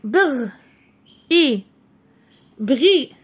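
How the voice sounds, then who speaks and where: A woman's voice: high voice, lively intonation, very slow, slightly rough. A woman teacher, sounding out French syllables one by one for young pupils and explaining in Arabic. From Morocco. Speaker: primary school French teacher. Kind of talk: slow syllable-by-syllable reading lesson.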